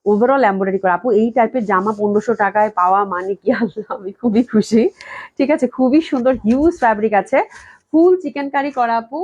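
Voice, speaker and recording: Her voice sits on the high side, fast and somewhat dark in tone. During a live online sales stream held indoors at the company office, this clothing shop owner gushes over her dresses and repeats her praise, coughing repeatedly since she's still recovering from a cold.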